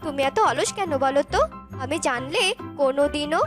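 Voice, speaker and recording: A woman's voice: high-pitched, moderate pace, music in the background, pitched below the performer's own voice, close to an everyday voice. A woman voicing a spiteful, nagging old bird grandmother who scolds her daughter-in-law in a cartoon. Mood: scolding.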